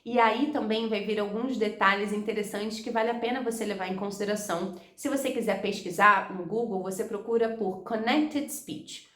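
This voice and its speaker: A woman's voice: mid-range voice, fairly even intonation, fairly bright tone. Young Brazilian woman, Rio accent, teacher explaining test tips to camera, echoey room. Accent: Rio de Janeiro Portuguese. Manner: direct, talks to viewer as "you", models English phrases slowly. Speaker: English teacher.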